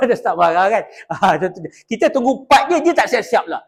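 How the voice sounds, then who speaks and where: Animated Malaysian man teaching a class. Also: high-pitched, moderate pace, husky. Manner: animated, joking, switches into acted customer voices. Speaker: customer service trainer. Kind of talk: classroom lecture with acted examples.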